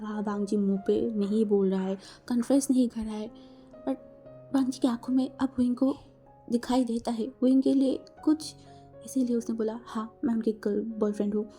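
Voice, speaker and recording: A woman's voice: fairly high pitch, mellow. A woman reading a fan-fiction story aloud in a chatty, casual way, mixing in English words. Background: faint music.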